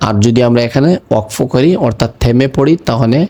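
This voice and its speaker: A man teaching Quran reading, spelling each word slowly and patiently, letter by letter, then saying it whole. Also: medium pitch, fairly even intonation, mellow. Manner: chants the verse words in a drawn-out melodic recitation. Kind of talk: slow letter-by-letter recitation lesson.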